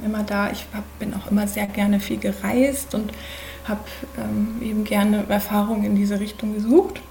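A woman in her forties from Germany, a podcast guest, talking thoughtfully with many pauses and fillers. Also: medium pitch, mellow, slight background noise. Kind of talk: conversational podcast interview.

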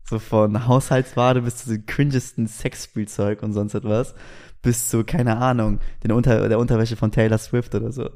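A man's voice: mid-range voice, moderate pace. A young man telling stories in casual, slangy chat as a podcast co-host. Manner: slangy, animated storytelling.

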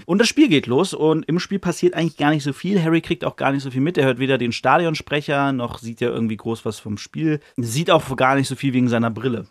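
A man's voice: mid-range voice, no room sound, studio quality. A man hosting a podcast, casually retelling a book chapter in a loose, slangy way with plenty of fillers. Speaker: podcast host.

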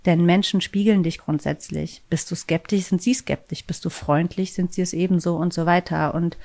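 A woman's voice: on the low side, steady tone, normal speed, creaky, darkish tone. A woman talking in a casual, reflective monologue as a self-help podcast host, chatty, with many fillers and tag questions.

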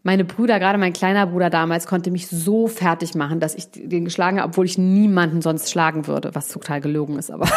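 A young woman talks as a podcast host, spinning a gossipy story in an animated, slang-heavy way. Her casual swearing keeps the chat loose and informal. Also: lowish voice, fast talker, hardly any pauses.

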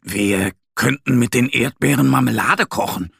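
A man voicing an eager little boy bear in a children's story, a bit gravelly. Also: medium pitch, normal speed, a bit bright, no room sound, clean studio sound, pitched above the performer's own voice, exaggerated voice.

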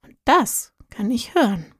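A kind guardian angel from a storybook speaks slowly and soothingly, as a woman narrator puts him on. His soft words sit close and dry, with no echo around them. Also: a little high, husky, full character voice. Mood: gentle, reassuring. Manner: calm, soft and reassuring.

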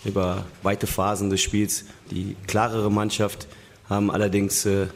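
A man's voice: lowish voice, monotone, a little slow. A man giving a matter-of-fact, slightly hesitant post-match football interview.

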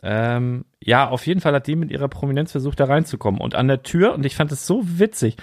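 A man's voice: medium pitch, expressive, fast talker, no room sound, clean studio sound. A man, co-hosting a podcast and telling a rambling anecdote in casual chat. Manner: rambling anecdotal storyteller, laughs often. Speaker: podcast co-host.

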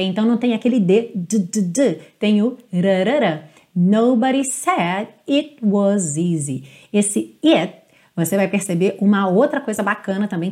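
A woman from Brazil teaching English pronunciation, explaining patiently and drawing out English lyrics slowly. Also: mid-range voice, darkish tone. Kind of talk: pronunciation lesson.

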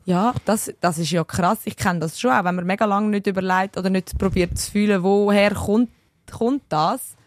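A woman's voice: medium pitch, moderate pace, no echo. A woman, co-hosting a podcast and probing her guest in a frank, empathetic way. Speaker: podcast co-host. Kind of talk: casual conversational interview.

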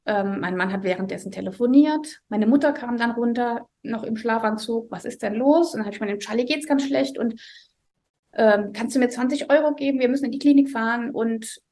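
A woman telling an emotional personal story as a mother in an interview, earnest and halting, often dropping to a hushed voice. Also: on the high side.

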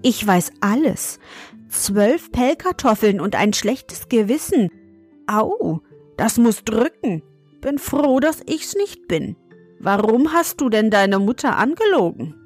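A woman's voice: fairly high pitch, sing-song, slow, breathy edge, faint music behind, heavily acted. A woman voicing a small, stern grey old forest gnome in a storybook reading, with a thin, fine voice and a scolding, proud manner.

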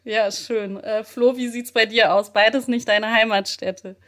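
A woman hosting a podcast, her voice sitting a little on the high side. She recaps the talk and fires quick questions in an upbeat way, with plenty of small filler sounds between phrases. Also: steady tone, a bit bright. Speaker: podcast host. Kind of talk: interview wrap-up and quick-fire questions.

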